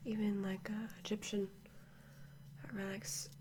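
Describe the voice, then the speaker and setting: Woman doing archaeologist whispered role-play asmr, monotone n hushed, calm measured talk, close mic, noisy background. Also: mid-range voice, lightly acted. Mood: absorbed, hushed. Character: woman archaeologist, calm and absorbed, examining a mysterious artifact. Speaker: ASMR performer. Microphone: close microphone.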